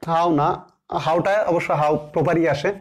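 High-voiced teacher explaining grammar. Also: male voice, flat delivery. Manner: repeats English examples slowly word by word, asks and answers his own questions. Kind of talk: classroom grammar lesson.

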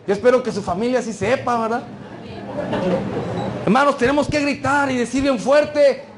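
A man's voice: very high voice, steady tone, moderate pace, crowd noise, noisy background. A man with a Mexican accent preaching a fervent sermon as pastor, often addressing the congregation as brothers and checking in with "right?". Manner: conversational, asks "right?" after points.

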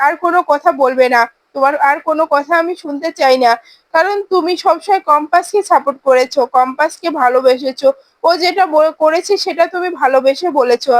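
A woman's voice: sits high, no echo, natural voice. A woman voicing a bitter young daughter who speaks harshly and defiantly to her mother.

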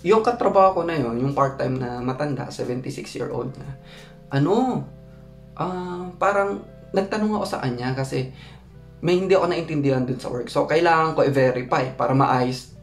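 A man from the Philippines telling a personal story in a casual vlog, often checking in with the viewer. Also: roomy sound. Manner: chatty, often asks "no?" to the viewer; rises high when acting out his own thoughts. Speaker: vlogger.

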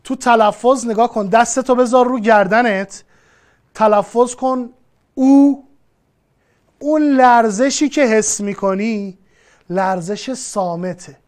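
A teacher giving a lesson, explaining patiently step by step and speaking straight to the student. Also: medium pitch. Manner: explanatory, repeats and addresses the student directly. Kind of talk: classroom lesson.

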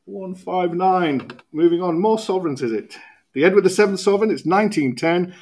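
A man's voice: on the high side, darkish tone. British man calling bids at auction. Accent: British English. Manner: brisk, repetitive bid calling with quick asides. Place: auction room podium, indoors.

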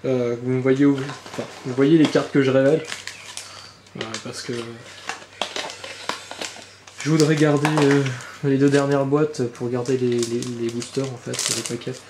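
A man's voice: medium pitch, little pitch movement, moderate pace, roomy sound, noisy background. A man hosting a casual card-unboxing commentary, chatty and rambling, swearing now and then. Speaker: channel host opening trading card boxes. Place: indoor room with birds outside.

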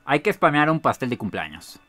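Mexican male streamer, bright voice, shrieks and laughs a lot while reading chat. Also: medium pitch, brisk, soft background music. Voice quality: bursts into shrieks and squeals of excitement, laughs often. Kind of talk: excited gameplay commentary, reading chat aloud.

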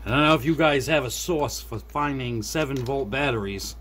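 This is a middle-aged hobbyist repair creator, improvising a demonstration at his indoor desk and musing aloud for his audience. His medium-pitched voice has a fairly bright tone, delivered at a moderate pace. There's background noise along with room ambience.

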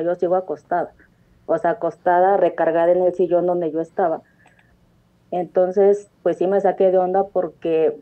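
A woman, calling in to tell a personal story earnestly, rambling with frequent restarts. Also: lowish voice. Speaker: caller. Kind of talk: telling a personal story on a phone-in show. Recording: tinny phone line.

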